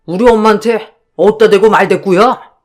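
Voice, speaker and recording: A woman voicing an arrogant, hot-tempered young husband who shouts at his wife in a radio drama. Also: mid-range voice, normal speed, faint music behind, natural voice. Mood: angry. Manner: shouting, aggressive.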